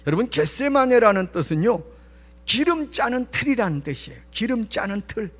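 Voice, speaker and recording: A man's voice: high voice, big pitch swings, moderate pace, a bit bright, faint music behind. A male pastor giving an emphatic sermon at a late-night prayer meeting, sometimes dropping to a whisper for stress. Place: church sanctuary. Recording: long church hall reverb.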